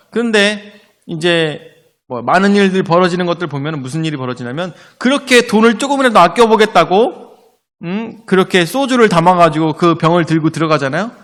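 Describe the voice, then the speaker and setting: A man preaching a sermon, telling personal stories in an animated, conversational way. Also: fairly high pitch. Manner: storytelling, animated retelling with spoken asides. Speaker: pastor. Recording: long reverb of a church hall.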